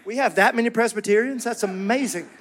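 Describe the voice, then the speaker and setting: A man preaching a sermon as pastor to a church congregation and online viewers, rallying them with energy and then slowing to soft, emphatic words. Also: high-pitched.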